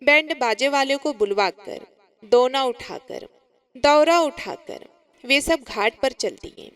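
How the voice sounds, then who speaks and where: A woman narrating a devotional folk tale in an expressive, dramatic storytelling manner. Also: high voice.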